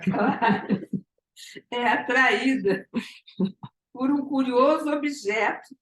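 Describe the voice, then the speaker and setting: A woman's voice: medium pitch, a bit bright. A woman giving a lecture, retelling a story with frequent tag questions and restarts. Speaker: psychoanalysis lecturer. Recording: echoey room.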